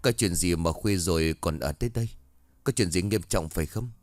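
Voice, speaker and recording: A man's voice: deep voice, fairly quick, darkish tone, dry recording, close to an everyday voice. A man voicing a frightened older father who stammers in panic. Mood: worried.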